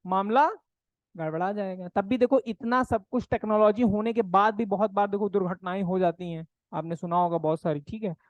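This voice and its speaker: A woman's voice: medium pitch, steady tone, brisk, no room sound, dull audio. A woman teaching an agriculture exam class, lecturing conversationally and checking in with her students after almost every phrase. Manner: asks rhetorical questions and ends phrases with "है ना?" and "ठीक है?"; plain conversational teaching, mixing English terms into Hindi.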